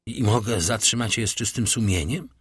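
A man voicing a humble, eager, talkative old prison doorkeeper with a servile, deferential manner and a husky voice. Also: on the low side, normal speed, no room sound, studio quality. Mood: puzzled.

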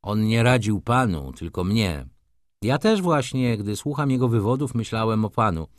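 A man voicing an earnest, reflective young gentleman in an audiobook. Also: lowish voice, animated, moderate pace, no room sound, clean studio sound, natural voice.

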